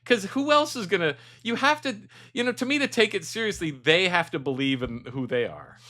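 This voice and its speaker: A middle-aged man co-hosting a casual movie review chat, animated and ranting, acting out lines in put-on voices. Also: sits high, brisk. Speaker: podcast co-host.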